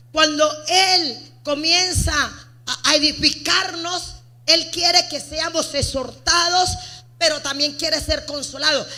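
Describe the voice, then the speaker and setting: A woman pastor preaching a sermon, swinging between loud, emphatic outbursts and quiet asides, repeating phrases and asking the congregation rhetorical questions. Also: high voice.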